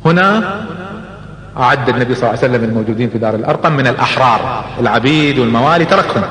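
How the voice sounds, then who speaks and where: A man telling a sermon story dramatically, rising to loud exclamations. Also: medium pitch. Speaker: preacher. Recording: echoey hall with long reverb.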